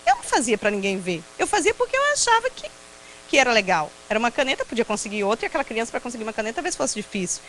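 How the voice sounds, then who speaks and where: A Brazilian woman with a Brazilian Portuguese accent, giving a personal testimony talk at a prayer group, telling stories in a lively way, laughing often and acting out what people said. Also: fairly high pitch, very fast, slight background noise, rough recording. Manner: lively storyteller who laughs often and acts out quotes. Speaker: invited speaker at a prayer group.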